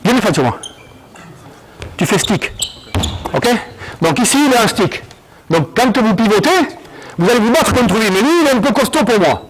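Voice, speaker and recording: A male basketball coach running an on-court session, explaining drills and barking quick commands at players. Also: high-pitched, lively intonation, a little hiss or hum, rough recording.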